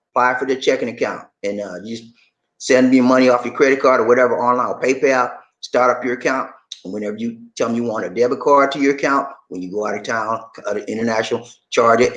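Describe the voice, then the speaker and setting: A man's voice: medium pitch, a bit bright. A man from Charleston with a Southern Gullah Geechee accent, chatting casually to livestream viewers in a folksy, colloquial way and often repeating his phrases. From Charleston, South Carolina, USA. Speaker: livestream host.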